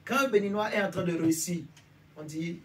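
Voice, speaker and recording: Recorded from afar with faint noise in the background, a Benin preacher speaks a little fast in a high, somewhat bright voice. He addresses his congregation informally, frequently asking whether they follow and agree.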